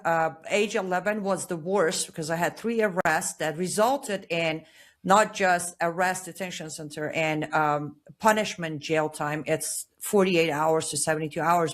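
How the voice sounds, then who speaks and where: A woman from Iran, a guest author, giving measured, earnest answers in an interview. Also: fairly low pitch. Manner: measured, earnest personal account.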